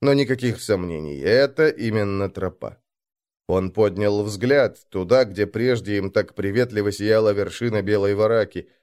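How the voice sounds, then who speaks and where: A man narrating an audiobook with dramatic, expressive delivery. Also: fairly low pitch, moderate pace, clean tone. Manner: dramatic, varied intonation.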